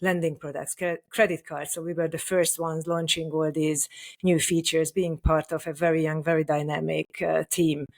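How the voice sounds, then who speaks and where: A woman's voice: deep voice, little pitch movement, moderate pace, gravelly. A middle-aged woman from Hungary, a native Hungarian speaker, answering interview questions as a company CEO, with many fillers and restarts. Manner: hesitant, many fillers and restarts, laughs softly. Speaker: podcast guest, company CEO. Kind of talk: interview conversation.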